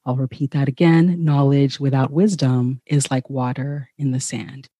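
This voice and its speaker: Brief: woman from Ghana, podcast host, encouraging and upbeat, mellow warm tone, dry close-miked sound. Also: very deep voice, steady tone, moderate pace, slightly rough, no echo. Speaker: podcast host and nurse practitioner. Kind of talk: podcast interview intro.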